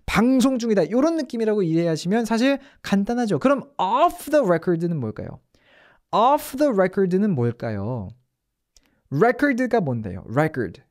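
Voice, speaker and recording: A man's voice: high-pitched, big pitch swings, slow. A man teaching English in Korean in a casual online lesson, explaining step by step with rhetorical questions.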